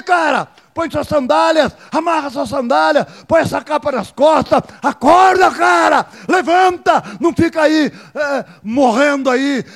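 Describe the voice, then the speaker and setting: A man's voice: very high-pitched, creaky, voice pushed up, exaggerated voice. A man voicing a commanding angel who urgently rouses a prisoner to get up and leave. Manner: urgent, loud, insistent.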